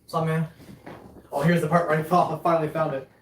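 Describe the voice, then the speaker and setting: Lively man heard from across an echoey room. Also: a little high, quick pace, far from the mic, slight background noise. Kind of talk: casual chat.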